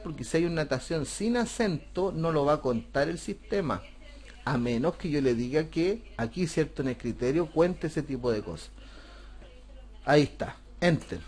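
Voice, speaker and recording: A man's voice: a little high, a little mellow. A man teaching a computer class, explaining a spreadsheet step by step and asking rhetorical questions. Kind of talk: screen-recorded software tutorial.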